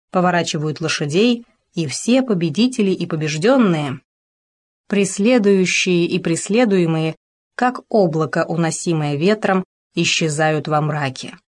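A woman narrating an audiobook in an expressive, dramatic reading style. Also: on the low side.

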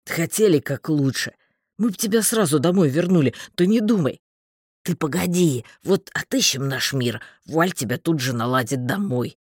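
A man's voice: a little high, lively intonation, moderate pace, husky, no echo, studio quality. A man voicing a good-natured, blunt male companion in an audiobook, talking in a hearty, plain way.

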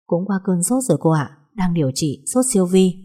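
A young father speaks tenderly to his crying daughter, as a woman reads his lines. His voice is soft and low. It is a storybook character. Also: animated, a little fast, husky. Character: worried gentle young father.

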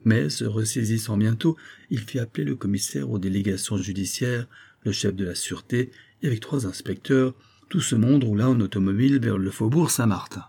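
A man reading a novel aloud as an audiobook narrator, steady and expressive. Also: lowish voice, fairly quick, vocal fry, husky. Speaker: audiobook reader. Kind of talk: scripted narration.

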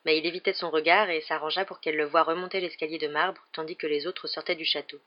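An audiobook narrator reading a story in a steady, measured way. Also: mid-range voice, lo-fi sound.

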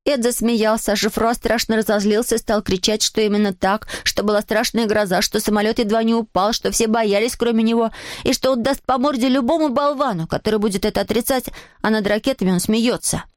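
A woman narrating a children's story aloud in a lively, playful way. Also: on the high side, brisk, no echo, clean studio sound. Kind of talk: storybook reading.

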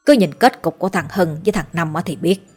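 A woman voicing a stern older male village sorcerer who lectures in a gruff, rough-spoken way. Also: fairly low pitch, lively intonation, a little fast, darkish tone, soft background music. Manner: gruff, lecturing, uses rough familiar address.

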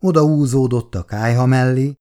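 A man telling the story with measured narration in a 1960s radio drama. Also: mid-range voice, warm tone.

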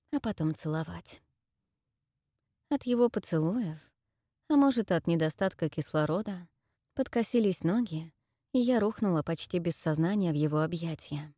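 A woman narrating a first-person story in an audiobook, with lively, wry storytelling. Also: lowish voice, dry recording, clean studio sound.

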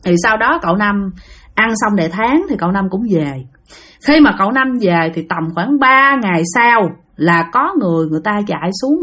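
A woman's voice: mid-range voice, a bit bright, husky. A woman telling a ghost story, chatty and speaking straight to her listeners. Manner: chatty, addresses listeners directly.

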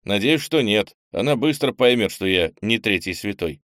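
A man voicing a wary but bold young man who talks in a brisk, wry way. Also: on the low side, animated, fairly bright tone, dry recording, studio quality.

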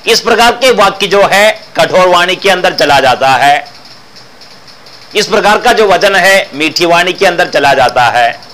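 A man's voice: sits high, animated, unhurried, pushed and bright, rough recording. A man teaching philosophy in an explanatory lecture style, repeating phrases and asking rhetorical questions.

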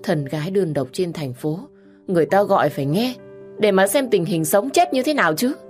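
A woman voicing a bossy older sister who scolds loudly and harshly. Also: on the low side, expressive, a little fast, soft background music, pitched above the performer's own voice, lightly acted. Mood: scolding.

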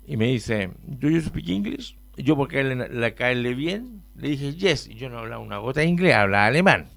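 On a radio show, a man with a Chilean accent rambles through a personal travel story, animated and swinging between loud outbursts and mumbled asides. His voice is medium-pitched and creaky, his pace brisk, with no echo.

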